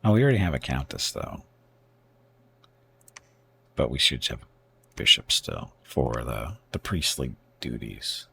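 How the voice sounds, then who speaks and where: Very deep gravelly male streamer. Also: wildly swooping pitch, sharp tone. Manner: thinking aloud, self-correcting, halting. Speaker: streamer playing a strategy game. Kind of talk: casual gameplay commentary.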